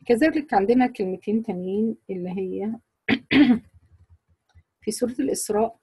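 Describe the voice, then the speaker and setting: A woman with an Egyptian Arabic accent explains recitation rules to her class in a patient, teacherly way, stopping now and then to quiz her students. Her voice is husky and mellow, and it sounds dry and close. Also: mid-range voice, normal speed, dry recording.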